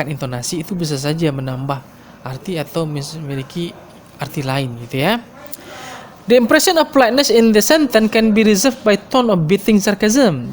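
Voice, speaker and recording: A man giving an explanatory lecture, thinking aloud with frequent fillers and reading English passages aloud. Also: high voice.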